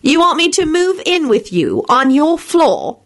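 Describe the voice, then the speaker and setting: A woman's voice: sits high, sing-song, measured pace, voice pushed up, heavily acted. A woman reader voicing a firm, somewhat weary young woman who speaks in a prim, no-nonsense way.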